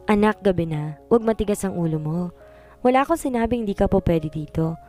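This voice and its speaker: A woman voicing a concerned older father who coaxes his daughter gently but firmly, in a storybook reading. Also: medium pitch, animated, a little fast, faint music behind, natural voice. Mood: worried. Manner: concerned, coaxing.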